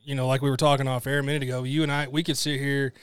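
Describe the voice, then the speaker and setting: A man's voice: mid-range voice, level tone, rapid-fire, clear, resonant tone, no echo. A man, hosting a casual podcast chat, loose and profane, laughing easily. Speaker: podcast host. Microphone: headphones and studio mic.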